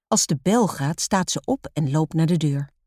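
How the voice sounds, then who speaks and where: Lady reading a kids' story, slow and calm, lowish voice, dry close sound. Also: dry recording.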